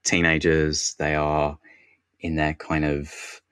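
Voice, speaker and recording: A man with a very low voice talks about television in a casual podcast chat. He is wry and enthusiastic and often stops to restart his sentences. The recording is dry and close. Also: monotone, slow, a bit bright, clean tone, dry recording. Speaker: TV critic guest.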